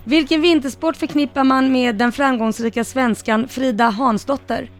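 A woman co-hosting a radio show, reading quiz questions briskly and clearly. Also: high-pitched, steady tone, faint music behind. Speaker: radio co-host, quiz reader.

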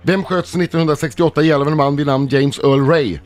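A man's voice: a little high, steady tone, faint music behind. Matter-of-fact male quiz reader. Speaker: radio quiz question reader. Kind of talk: reading quiz questions. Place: radio studio.

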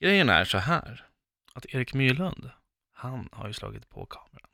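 Male storyteller, gravelly and bright, animated anecdote delivery. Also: medium pitch, no echo, clean studio sound. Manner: animated anecdote, quotes himself and others. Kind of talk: casual storytelling chat.

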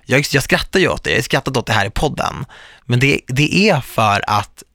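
Male podcast host, 30s, bright and present, animated storyteller. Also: medium pitch, no room sound, studio quality. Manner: animated storytelling, quotes others vividly. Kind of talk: casual podcast chat.

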